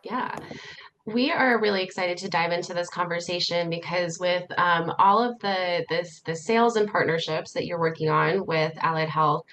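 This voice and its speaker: A woman's voice: on the low side, normal speed, fairly bright tone, poor audio. A woman hosting a podcast, welcoming a guest and introducing the show in an upbeat manner, with some fillers. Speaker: podcast host.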